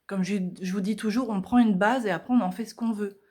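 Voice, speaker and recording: A woman's voice: mid-range voice, fairly even intonation, a little fast, warm tone. A woman vlogger talking casually through her art journal pages at home, chatty and hesitant, with many fillers.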